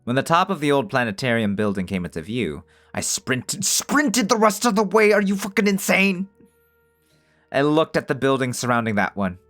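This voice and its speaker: A man's voice: on the low side, a bit bright. A man reading a visual novel aloud as narration and breaking off to joke and swear in casual commentary. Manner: swears freely, jokes between narrated lines.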